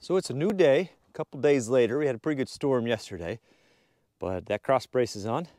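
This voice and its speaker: A man's voice: mid-range voice, animated, a little fast, dark tone, dry recording, studio quality. A young man chatting casually while he builds a barn outdoors, explaining each step as he works. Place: outdoor wooded building site. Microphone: action camera mounted near the work.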